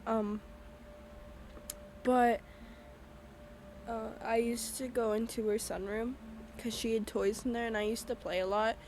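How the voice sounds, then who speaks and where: A young woman talking through tears on her own podcast, halting and apologizing often. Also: on the high side, level tone, a little mellow, a little hiss or hum, poor audio. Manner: halting, apologetic, tearful with many pauses. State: crying. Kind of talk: personal podcast monologue.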